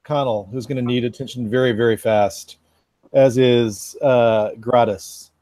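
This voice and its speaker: A man running a tabletop role-playing session as game master, his voice mellow and warm. He narrates in a relaxed, measured way with casual fillers, and the sound is dry and close. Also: mid-range voice, no room sound.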